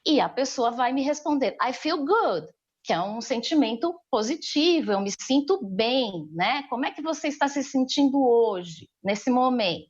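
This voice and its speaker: A woman's voice: fairly high pitch, animated, moderate pace, hardly any pauses, darkish tone, lo-fi sound. A woman with a Brazilian Portuguese accent teaching an English class remotely, explaining patiently and checking in with her students.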